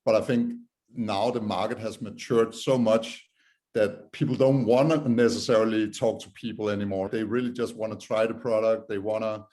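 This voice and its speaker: A man from Denmark with a Danish accent appears as a podcast guest and startup co-founder, answering questions informally and explaining things in a conversational interview. His voice is lowish and a little mellow, with fairly even intonation at a moderate pace.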